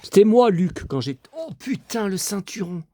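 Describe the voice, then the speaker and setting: A man in his fifties from France, hoarse from a cold, rambling nostalgically with lots of asides as he shows off his collection. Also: sits high, sing-song, moderate pace, dark tone. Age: 50s. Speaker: collector showing his memorabilia. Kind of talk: casual collection show-and-tell.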